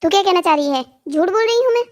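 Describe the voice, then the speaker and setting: A voice actor playing a fussy, demanding older mother-in-law in a cartoon story, scolding with sharp rising shouts. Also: very high voice, fairly even intonation, fairly quick. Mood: complaining.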